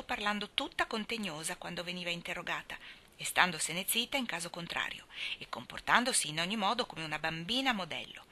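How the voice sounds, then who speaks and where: A woman reading a novel aloud as a storyteller, with an expressive delivery. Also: fairly low pitch. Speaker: reader.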